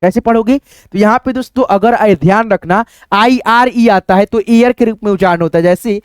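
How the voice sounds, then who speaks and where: A man's voice: sits high, moderate pace, clear, resonant tone, dry recording, clean studio sound. A man teaching English phonics, spelling out words letter by letter and repeating each reading patiently for viewers. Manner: patient, repetitive. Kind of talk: spoken phonics lesson at a board.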